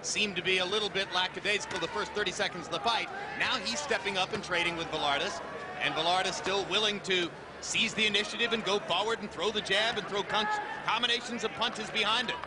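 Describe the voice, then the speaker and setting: A man's voice: high voice, brisk. A man calling a boxing match play-by-play from ringside, with wordy, colorful phrasing. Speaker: play-by-play commentator. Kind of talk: boxing commentary. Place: ringside in an arena. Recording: loud crowd and arena noise.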